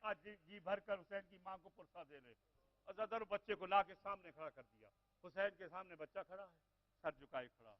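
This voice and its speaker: A very high-pitched man preaches a mourning sermon, his voice dropping to hushed sorrow and then rising into wailing lament. He speaks straight to the gathered mourners and stretches out his grieving lines. The recording is dull and lo-fi. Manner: swings between hushed, sorrowful narration and wailing cries; addresses the mourners directly, drawing out lamenting phrases. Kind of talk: impassioned Muharram mourning sermon.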